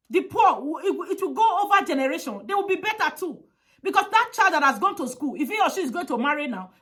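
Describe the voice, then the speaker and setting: A woman's voice: extremely high pitch, pushed and bright. A woman giving an impassioned advocacy monologue, emphatic and pleading, with heavy repetition.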